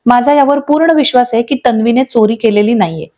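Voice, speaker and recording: A woman's voice: on the high side, fast talker, dark tone, highs cut off, lightly acted. A woman reading an indignant young husband. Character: young husband defending his wife.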